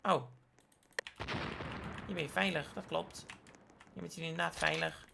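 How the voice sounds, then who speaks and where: A woman giving playful game commentary as a gaming YouTuber, excitable, with sudden high squealing outbursts. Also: unhurried, background noise. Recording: clear keyboard typing and clicks.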